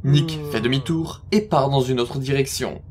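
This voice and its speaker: A man's voice: medium pitch, normal speed, crowd noise. A man narrating an audio drama from a script, describing scenes.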